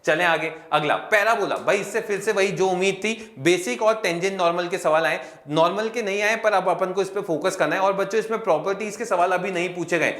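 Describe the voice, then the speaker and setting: A man's voice: sits high, fairly quick, hardly any pauses, a bit bright, echoey room. A young adult man teaching exam preparation in a casual, chatty way, calling his students kids and checking often whether they follow. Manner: chatty, addresses students as kids, repeats "clear hai kya". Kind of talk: casual Hindi exam analysis lesson.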